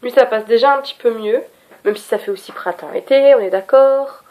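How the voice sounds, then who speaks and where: A woman's voice: fairly high pitch, brisk, muffled recording. A young French woman reviewing her lipsticks in a casual, chatty, scattered, self-mocking way. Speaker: beauty vlogger.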